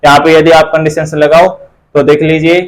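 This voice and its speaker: A man's voice: a little high, flat delivery, fairly quick, low-quality recording. A man teaching a math class, asking and answering his own questions and repeating the key terms.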